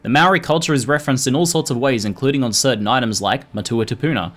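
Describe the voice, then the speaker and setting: A man reading scripted video narration in a measured, informative manner. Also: mid-range voice, fairly bright tone. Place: voice-over recording. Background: music.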